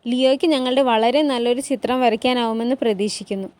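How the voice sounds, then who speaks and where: A woman voicing a commanding male sultan in a recap of a historical TV drama, giving his lines in a measured, gently authoritative way. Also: a little high, lightly acted. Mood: calm.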